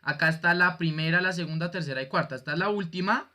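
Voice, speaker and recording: A man's voice: sits high, quick pace, pushed and bright. A male teacher giving an online class, patient and jokey, quizzing his students as he explains. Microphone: video call.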